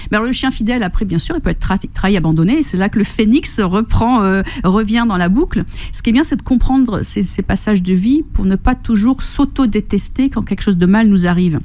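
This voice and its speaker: In a radio studio, a middle-aged woman from Corsica talks briskly with few pauses, her medium-pitched voice mellow and warm. She's a fitness and nutrition coach appearing as a guest, bubbly, chatty, and full of enthusiasm. She laughs a lot and acts out her stories with quoted voices.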